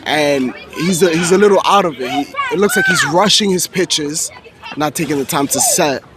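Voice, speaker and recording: A man as color commentator at an amateur softball game, analytical, outdoors at the field. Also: a little high, wildly swooping pitch, moderate pace. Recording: noisy outdoor ballfield with crowd.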